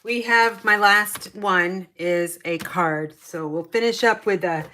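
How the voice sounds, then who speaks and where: A woman's voice: mid-range voice, takes it slowly, pushed and bright, a little hiss or hum. A middle-aged woman chatting her way through a paper craft tutorial, talking to herself as she works. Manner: chatty, talks to herself while working. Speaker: papercraft demonstrator.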